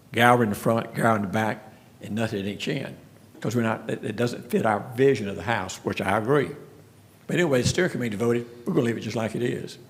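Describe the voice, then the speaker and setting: Man, gravelly, folksy, rambling restarts, meeting presentation. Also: mid-range voice. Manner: folksy storytelling, frequent restarts. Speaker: speaker at a city commission meeting. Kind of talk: casual presentation.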